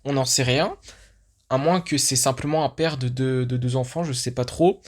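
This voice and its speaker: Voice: medium pitch, moderate pace. A YouTube host giving casual commentary on a film teaser. The host talks like an enthusiastic fan who thinks aloud, with many restarts and fillers.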